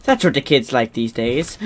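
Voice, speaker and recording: Low-voiced, slow-talking teasing woman gamer. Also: very animated, a little hiss or hum. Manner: teasing, giggly. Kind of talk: casual chat while gaming.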